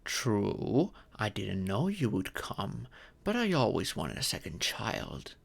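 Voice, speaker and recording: A gentle old dragon in humanoid form, acted by a man, speaks slowly with a creaky edge. The pitch swings widely through formal, patient explanations, as a doting parent would give in an audio roleplay. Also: very animated, full character voice. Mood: confiding. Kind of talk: scripted audio roleplay monologue.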